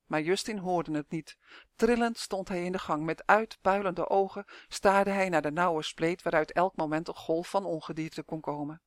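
High-voiced male storyteller, expressive. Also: normal speed, no echo, clean studio sound. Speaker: narrator. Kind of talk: scripted narration of a children's fantasy audiobook.

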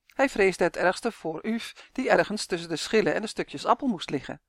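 A woman narrating a children's fantasy story in a measured, expressive way. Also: on the low side, dry recording, studio quality.

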